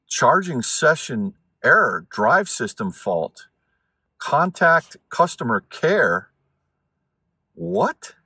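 A husky man chats away from the driver's seat of his car. He rambles and thinks aloud as he goes, trailing off and picking his thread back up. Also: medium pitch, fairly bright tone, no echo. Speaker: vlogger reviewing electric cars. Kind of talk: casual talk while driving. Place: inside a car.

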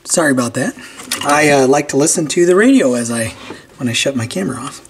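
A man with a fairly high voice talks a little quickly as he walks through a repair in a casual, hands-on way, thinking out loud while he works. He hosts a repair channel and is indoors at a cluttered workbench. The recording carries steady, clear background noise along with clicks.

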